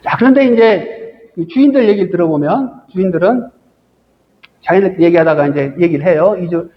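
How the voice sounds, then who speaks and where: A male pastor leads a Bible study, asking his listeners emphatic questions and telling illustrative stories. His voice sits high. The recording is dull and rings with long church-hall reverb. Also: normal speed.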